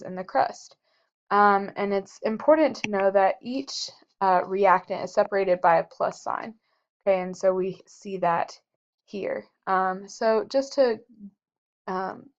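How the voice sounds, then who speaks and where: A woman's voice: medium pitch, a little mellow, muffled recording. A woman chemistry teacher giving a recorded lecture, explaining steadily with frequent ums and uhs. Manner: slow and explanatory, frequent um and uh fillers.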